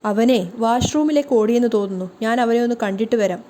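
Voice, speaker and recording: Woman doing angry sarcastic young guy from a serial recap, mellow tone. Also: a little high, fast talker, a little hiss or hum, natural voice. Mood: scolding. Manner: sarcastic, scolding. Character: angry scolding young man, Kiran.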